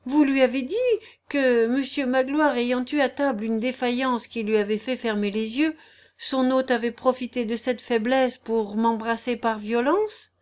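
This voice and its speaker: A coy, flustered noblewoman from a storybook, piling up breathless, insistent questions, as a woman reader plays her. Her voice rises high and bright. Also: moderate pace, hardly any pauses, natural voice.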